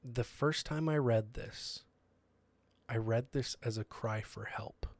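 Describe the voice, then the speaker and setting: A man's voice: medium pitch, slow pace. A young man giving a casual, earnest sermon with many fillers and restarts.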